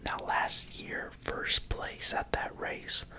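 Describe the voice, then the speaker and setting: The voice is a soft, unvoiced whisper from start to end. It narrates in ASMR style, hushed and confiding, as though passing on a secret to the listener. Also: slow pace. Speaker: racing pigeon keeper presenting own birds.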